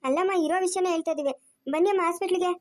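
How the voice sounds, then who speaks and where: Woman as a blunt male cop: high, fast and matter-of-fact. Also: a little mellow. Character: curt male police officer.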